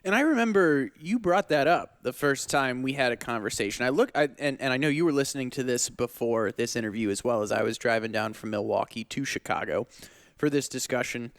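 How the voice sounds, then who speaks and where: A man's voice: mid-range voice, fairly quick, smooth, dry recording, clean studio sound. A man hosting a podcast in a bar, chatting casually and joking while he eats. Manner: relaxed, jokey, talks while eating. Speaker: podcast host. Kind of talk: casual chat over food.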